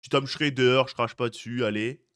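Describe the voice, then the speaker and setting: A man's voice: medium pitch, steady tone, a little fast, a bit bright, clear, resonant tone. A young man streaming live, chatting casually with his viewers, greeting them by name and teasing them. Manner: chatty, greets chat by name, jokey asides.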